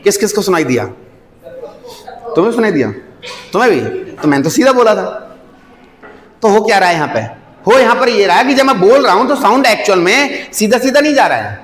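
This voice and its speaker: Lively male teacher in an echoey classroom. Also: sits high, fairly quick, pauses often, a little hiss or hum. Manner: lively, asks the class questions often. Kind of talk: classroom science lesson. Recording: echoey room, long reverb.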